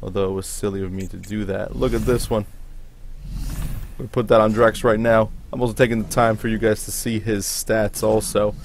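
A man's voice: on the low side, flat delivery, normal speed, vocal fry, a little hiss or hum. A man hosting a gaming video with casual commentary, reacting aloud to what appears on screen.

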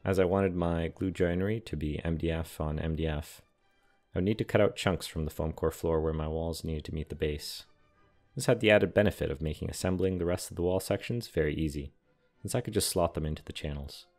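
A young man giving a calm, matter-of-fact scripted voice-over explaining how he builds a large model. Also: sits low, a little fast. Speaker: scale model and terrain builder. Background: soft background music.

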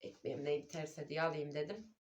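Filmed on a phone camera inside her house, a homey vlogger and mother chats casually with viewers in a low, fairly even, fairly quick voice. Talkative and friendly, she keeps calling her audience dear friends.

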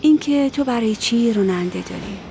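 A woman's voice: on the high side, vocal fry, warm tone, a little hiss or hum. A middle-aged actress dubbing a stern, suspicious mother in a TV drama, commanding and probing. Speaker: dubbing actor. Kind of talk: dubbed TV drama dialogue.

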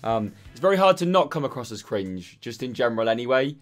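Hoarse young man chatting to camera. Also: medium pitch, big pitch swings, quick pace, faint music behind. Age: 20s. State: hoarse, tired voice. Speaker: football vlogger. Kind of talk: casual talk to camera. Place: small furnished room indoors.

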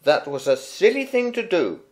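A man voicing a kindly but strict mother hosting a children's party, in a raised, bright storybook voice. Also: sits high, big pitch swings, moderate pace, pitched above the performer's own voice. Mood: stern. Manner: bright and cheery, sharpening to stern.

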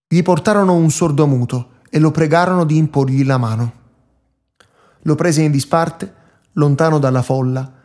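A male priest giving a measured, deliberate scripted Bible reading, phrase by phrase. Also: a little high, darkish tone.

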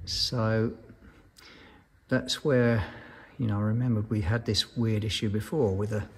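An aircraft maintenance engineer presents an informal technical explanation in a low-ish, level, slightly rough voice, speaking unhurriedly. His manner is matter-of-fact, understated and somewhat hesitant.

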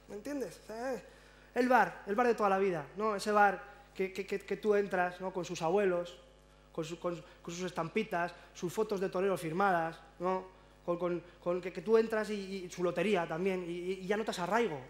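A man from La Rioja performing a stand-up monologue on stage, with stammered restarts, acting out characters in a raised voice. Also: high voice. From La Rioja, Spain. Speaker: stand-up comedian. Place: stage at a public event.

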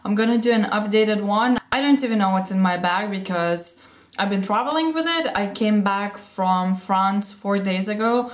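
Gushing and slightly breathless, a young woman in her twenties runs through her handbag's contents for a casual what's-in-my-bag chat as a beauty and fashion vlogger. A cold makes her mid-range voice a little throaty, and she talks at a normal speed. Sitting close to the camera in a sunny room at home, she sounds reverberant.

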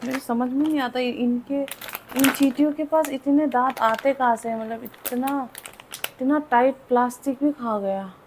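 A woman's voice: high-pitched, fairly even intonation, moderate pace, background noise. A young woman vlogging casually from her small room at home, chatting to viewers and mixing English words into her speech. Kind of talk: casual vlog chat.

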